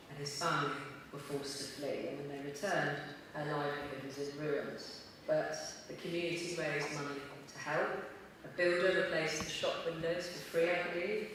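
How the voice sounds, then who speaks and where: A man hosting a memorial reception, speaking off the cuff to a room of guests and guiding them through a candle lighting. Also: a little high. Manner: unscripted, with fillers and restarts, addressing the room. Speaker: event host. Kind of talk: live event hosting. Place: large dim reception hall. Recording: echoey hall, distant mic, audible room noise.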